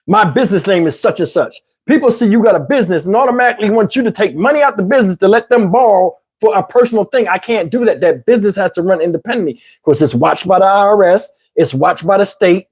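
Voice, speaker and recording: A YouTube commentary host with a Southern US accent chats casually with his livestream viewers, rambling along and asking "you know what I'm saying." His voice is high, animated, and a little mellow but husky, and he talks fast with hardly any pauses. His voice is getting tired and his throat sounds parched.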